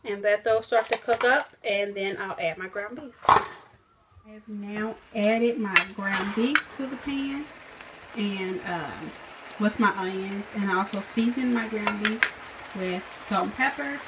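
Heavy background noise surrounds a woman speaking at a measured pace in a mid-range voice. As a cooking vlogger, she gives a casual, step-by-step recipe walkthrough from her home kitchen, thinking aloud and self-correcting as she cooks, captured by a camera on the counter.

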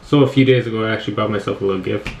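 A man's voice: fairly low pitch, fairly even intonation, racing, creaky, a little mellow. A young man from Afghanistan chatting casually to his camera, rambling with fillers and laughing at himself. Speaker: vlogger. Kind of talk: casual vlog chat. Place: home room with TV on. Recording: roomy home recording with faint noise.

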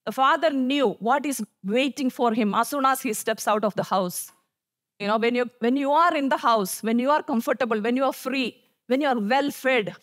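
A woman preaching a sermon at a church service in an earnest way, often repeating her phrases and saying "you know". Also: a little high.

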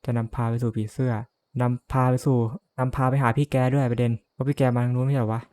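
A man's voice: mid-range voice, flat delivery, quick pace, dark tone, smooth. A man playing a horror game and commenting as he goes, jumpy, cursing and laughing nervously. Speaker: gamer.

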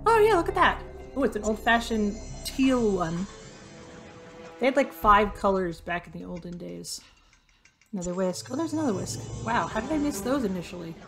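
A young adult woman casually commenting while she plays a hidden-object game, thinking aloud and joking at her own expense, her voice slightly hoarse and fading. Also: mid-range voice, big pitch swings, normal speed. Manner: chatty, self-deprecating, thinks aloud while searching. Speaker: gaming video host. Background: faint game music.

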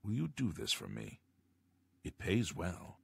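An actor voicing a mysterious master thief who leads a guild, speaking in measured video game dialogue. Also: male voice, low-pitched, wildly swooping pitch, vocal fry, fairly bright tone, breathy edge, no room sound, full character voice. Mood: secretive.

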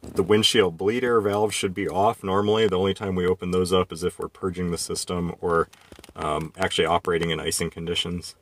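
Low-voiced man explaining cockpit checks. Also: brisk, slight background noise. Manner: relaxed, explanatory, frequent fillers and restarts. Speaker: flight instructor. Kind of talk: unscripted instructional walkthrough. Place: inside an aircraft cockpit.

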